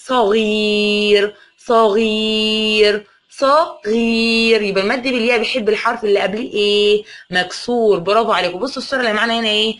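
A woman's voice: a little high, a bit bright. Egyptian woman teaching first graders. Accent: Egyptian Arabic. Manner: asks questions and answers them herself, stretching out words. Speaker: primary school teacher. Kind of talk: children's reading lesson.

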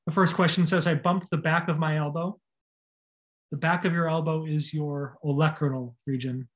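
A man's voice: a little high, steady tone, normal speed. A man giving a recorded anatomy lecture over slides, spelling out and repeating terms and stressing how to pronounce them.

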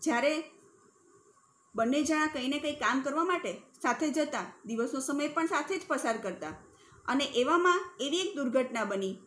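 High-voiced woman teacher reading a story. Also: normal speed, slight background noise. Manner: expressive reading, acting out characters' shouts. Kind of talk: reading a story aloud for students.

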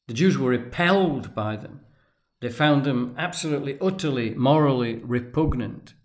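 A man lecturing at length off the cuff, speaking deliberately and pausing often, with restarts as he stresses key words. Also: medium pitch, animated. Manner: deliberate, halting, with restarts and emphatic pauses. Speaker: tarot and religion commentator. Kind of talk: unscripted lecture.

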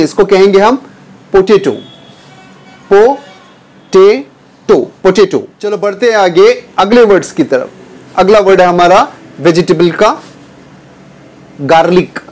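High-voiced man teaching English pronunciation. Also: darkish tone. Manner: drills each word slowly, repeating it; addresses viewers as dear students. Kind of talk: pronunciation lesson.

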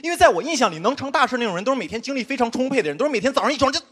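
Fast, high-voiced young man doing stand-up. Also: husky. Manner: quick, lively, self-mocking storytelling with frequent asides to the audience. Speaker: stand-up comedian. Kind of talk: stand-up set on a competition stage. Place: studio stage before a live audience. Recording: live stage mic with audience laughter. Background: audience laughter.

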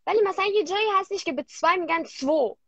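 A woman's voice: extremely high pitch, a bit bright, dry recording. A young girl guest answering interview questions casually and hesitantly, with many fillers. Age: child. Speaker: guest, young German-language creator. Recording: dull lo-fi dry sound.

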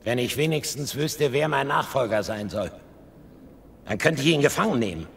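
A man's voice: mid-range voice, expressive, normal speed, creaky, in a large hall. An actor playing an aggrieved, grumpy, embittered king in a radio play, grumbling and commanding. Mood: bitter.

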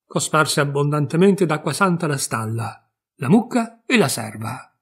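Husky guy reading a fairy tale, voice on the high side, lots of expression. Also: measured pace. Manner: expressive storytelling. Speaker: storyteller.

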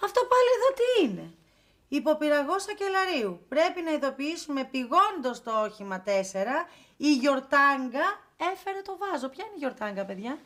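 A woman's voice: high voice, big pitch swings, fairly bright tone. An actress playing a bewildered woman on a set, reading out baffling script lines. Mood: puzzled. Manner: bewildered, quick, questioning. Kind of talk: sitcom acting.

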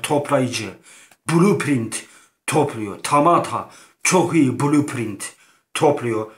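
A man's voice: fairly high pitch, a bit bright. A man giving casual, playful gameplay commentary, rambling and repeating himself with slangy asides. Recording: roomy echoing room.

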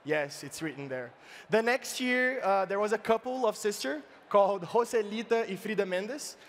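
Pria presenter jenaka dengan suara tinggi. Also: male voice, high-pitched, expressive, slight background noise. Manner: playful, halting, with many fillers and restarts. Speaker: science slam presenter. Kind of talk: comic science talk on stage. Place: large event stage, indoors. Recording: reverberant live event hall.

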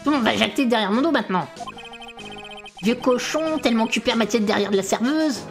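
A woman's voice: fairly high pitch, expressive, a little fast, music in the background. A woman voicing a rude, grumbling old male craftsman in a video game playthrough. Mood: grumpy.

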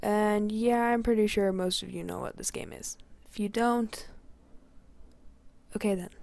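A young woman with a hoarse voice from a cold, rambling through casual gameplay commentary and often dropping to a whisper. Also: mid-range voice, fairly even intonation, measured pace, a little mellow. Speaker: gaming channel host.

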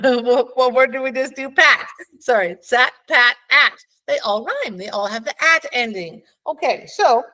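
A woman teaching a preschool phonics lesson, sounding out letters and words slowly and praising the child. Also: fairly high pitch, pushed and bright. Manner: slow, encouraging, sounds out letters.

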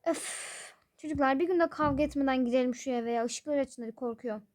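A woman's voice: high-pitched, fast, darkish tone, close to an everyday voice. A woman voicing a fussy, nagging mother in a toy-game role-play, grumbling with sighs. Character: fussy scolding mother of a family.

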